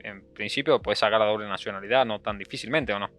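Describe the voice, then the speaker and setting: A man's voice: on the low side, quick pace, a bit bright. A man with an Argentine accent, co-hosting a podcast in casual chat. He asks follow-up questions and speaks loosely, with many fillers. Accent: Argentine Spanish. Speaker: podcast co-host.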